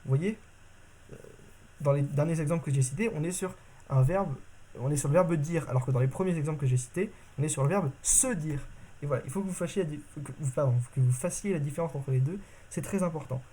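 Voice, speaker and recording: Husky-voiced man teaching casually. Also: on the high side, fast, warm tone. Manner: informal, self-correcting, lots of fillers. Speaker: language teacher. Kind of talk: casual video lesson.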